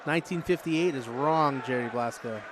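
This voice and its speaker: A man doing casual, jokey play-by-play for a high school basketball game, chatting with listeners between calls. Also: moderate pace. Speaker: play-by-play announcer. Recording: noisy gym broadcast.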